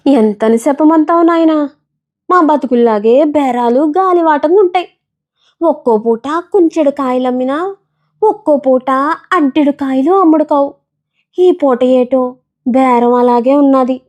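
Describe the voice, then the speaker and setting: A woman's voice: high voice, unhurried, voice pushed up. A woman voicing a poor, resigned peanut-selling village woman with a coastal Andhra village dialect, crying out her wares. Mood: weary, resigned. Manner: shouting street-vendor calls, weary dialect speech.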